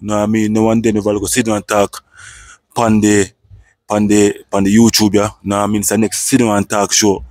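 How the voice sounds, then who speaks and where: A man's voice: fairly low pitch, darkish tone, dry recording, clean studio sound. A man hosting a vlog interview outdoors, with a loose style full of "know what I mean". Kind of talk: casual interview talk. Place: outdoors, sitting by a dirt road.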